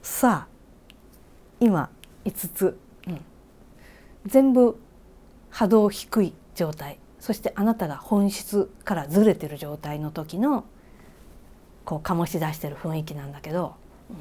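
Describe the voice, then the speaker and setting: A reiki teacher with a Kansai accent speaks in a lowish voice, unhurried and with long pauses. Her lesson is casual, full of questions to the listener and quiet whispered asides.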